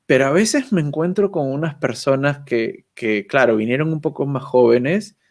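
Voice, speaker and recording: A man's voice: medium pitch, moderate pace. A man chatting as a guest on a video call, thoughtful and self-deprecating, often ending phrases with a questioning "right?". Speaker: guest YouTuber. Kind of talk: casual chat.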